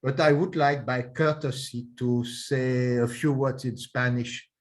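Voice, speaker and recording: A man's voice: mid-range voice, fairly even intonation, unhurried. A man chairing an online session, chatting hesitantly over a video call with many restarts. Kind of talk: casual video-call chat before a session.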